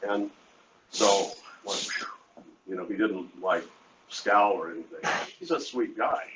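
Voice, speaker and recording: This clip features an artist aged 60 or more, deep-voiced, rambling through anecdotes with hesitations and quoted dialogue in a relaxed live interview. It was streamed from a hotel event space, and the audio is muffled, lo-fi and noisy.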